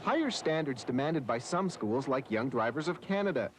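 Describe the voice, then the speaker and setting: A man narrating a TV news segment in a crisp, measured reporter style, heard from a worn tape copy. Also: medium pitch, expressive, music in the background.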